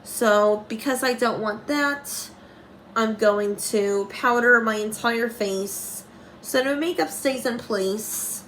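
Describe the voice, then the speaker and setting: Slow, bright-voiced young woman doing makeup. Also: on the high side, slight background noise, poor audio. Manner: slow, rambling and self-commenting, with dry sarcastic asides. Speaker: makeup tutorial maker. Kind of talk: casual makeup tutorial.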